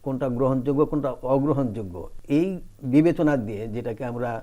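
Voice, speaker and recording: A man appearing as a guest scholar, discussing language in a deliberate, lecturing way. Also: medium pitch, mellow, highs cut off. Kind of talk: academic discussion.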